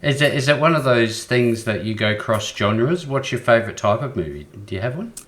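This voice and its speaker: A man's voice: medium pitch, lively intonation, a little fast, fairly bright tone, a little hiss or hum. A man hosting an interview show over a video call, asking questions with hesitant restarts, repeated words and many fillers. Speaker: show host.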